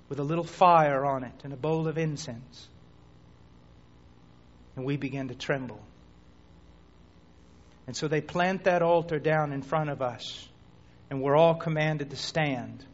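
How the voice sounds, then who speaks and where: A man preaching a sermon, telling a dramatic story that swings between hushed near-whispers and shouts. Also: fairly high pitch. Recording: dull lo-fi recording.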